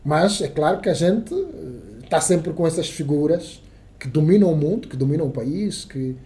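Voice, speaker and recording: This Angolan journalist, a native Kissolongo speaker, talks in Angolan Portuguese as a guest on a laid-back podcast interview. His slightly high voice is animated and dark in tone, moving at normal speed, full of fillers, restarts and emphatic turns.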